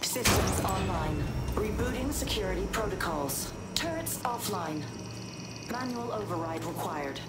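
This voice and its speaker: A woman voicing a computer system on a facility loudspeaker, making slow, clipped status announcements as it boots back up. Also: medium pitch, sing-song. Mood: announcing. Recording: echoey, distant, over loud game music.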